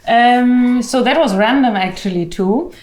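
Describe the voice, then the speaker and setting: German-accented woman guest, relaxed, some hesitation, roomy echo. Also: a little high, measured pace. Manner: relaxed, laughs easily, hesitant fillers. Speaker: guest, co-living founder. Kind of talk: casual interview answers.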